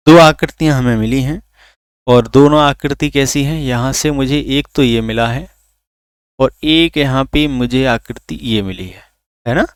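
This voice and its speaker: एक आदमी, जो रिकॉर्ड की गई ऑनलाइन क्लास पढ़ाता है, खुद सवाल पूछकर खुद जवाब देता है और स्वरों को खींचकर बोलता है।. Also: male voice, medium pitch, smooth, dry recording, clean studio sound. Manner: asks questions then answers them himself; drags out vowels to demonstrate. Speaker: teacher. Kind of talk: recorded online lesson.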